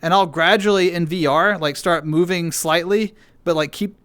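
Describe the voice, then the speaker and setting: A man's voice: sits high, moderate pace, a bit bright, dry recording. A young man streaming, chatting casually with his viewers in a rambling way full of restarts and fillers.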